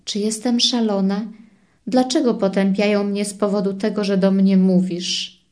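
A woman reading devotional messages aloud in a solemn, measured way. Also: mid-range voice, level tone, darkish tone.

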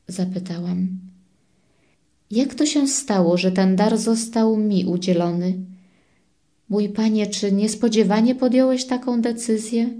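A woman reading devotional messages aloud in a solemn, measured way. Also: medium pitch, dark tone.

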